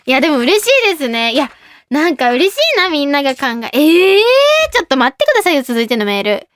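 A young woman hosting a casual radio show, giggly and excitable as she reads listener emails. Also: high voice, rapid-fire, no room sound. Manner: giggly, excitable, playful self-mockery. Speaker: radio host.

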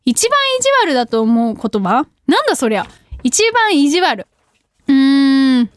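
Reading listener mail on her radio show, this young host is giggly and pokes fun at herself in a relaxed studio chat. Her voice is high and very animated yet a little slow, captured cleanly with no room sound.

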